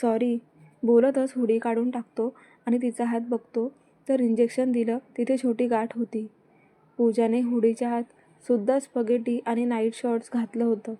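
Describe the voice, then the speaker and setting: A woman reading a romance story aloud in a plain, steady way. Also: fairly high pitch, normal speed.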